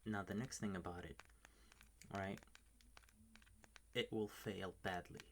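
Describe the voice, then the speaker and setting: Low-voiced man, late-night whispered ASMR rant, swears freely, faint tapping noise behind. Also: steady tone, measured pace, a bit bright. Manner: whispering, ranting, swears often. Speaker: ASMR video maker. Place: bedroom at home at night. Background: faint keyboard tapping and clicks.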